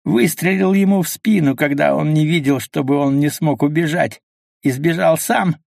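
A man's voice: fairly high pitch, moderate pace, creaky, a little mellow, no echo, clean studio sound, pitched above the performer's own voice. A man voicing a cowardly grandstanding fisherman. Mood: scornful. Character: cowardly scheming male fisherman, grandstanding traitor.

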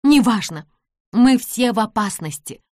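A woman's voice: medium pitch, lively intonation, moderate pace, a little mellow, no room sound, studio quality, close to an everyday voice. A woman voicing a brave young girl detective who pleads and urges in an audiobook. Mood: urgent. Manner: urgent, pleading.

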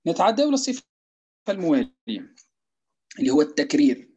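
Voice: medium pitch, big pitch swings, fairly quick, darkish tone, breathy edge, muffled recording. A tajweed teacher with a Tunisian Arabic accent explains a lesson and keeps checking the class with short questions. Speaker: Quran recitation teacher.

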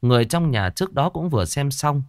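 A man's voice: mid-range voice, animated, brisk, dry recording, clean studio sound. A man narrating a ghost story in a dramatic storytelling style.

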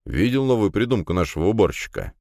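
Wry middle-aged combat professor, read by a man, low and dry. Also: sing-song, gravelly, a little mellow, no room sound. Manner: wry, unhurried.

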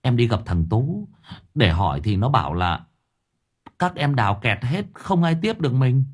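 A man's voice: medium pitch, very animated, normal speed, slightly rough. A man voicing a nervous young man who protests in a flustered, raised voice. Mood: protesting.

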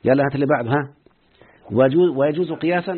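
Rapid-fire and fairly high-pitched, a man with an Egyptian accent runs an Arabic grammar lesson, frequently quizzing his students. The recording is muffled and lo-fi, like a phone.

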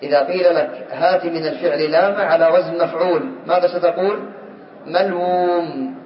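A man teaching a class, quizzing his students and calling on them, slowly repeating key words. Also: a little high, steady tone. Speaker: teacher of Arabic morphology. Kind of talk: classroom lecture. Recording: distant, roomy, dull lo-fi recording.

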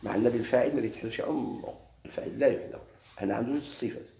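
Moroccan guy teaching grammar, talks quick, keeps quizzing the class, roomy echo. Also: medium pitch, creaky, dark tone. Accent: Moroccan Arabic. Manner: explains step by step, quizzing students with questions. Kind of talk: classroom lesson.

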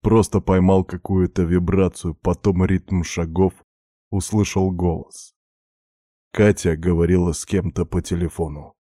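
Deep, slow male audiobook narrator. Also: fairly even intonation, warm tone, no room sound, studio quality. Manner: low, measured, darkly intimate. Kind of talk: first-person fiction narration.

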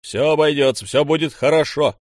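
A man reading an audiobook voices a steady man calling out to calm a frightened crowd, with a raised, reassuring delivery. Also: mid-range voice, slow pace, no room sound, clean studio sound.

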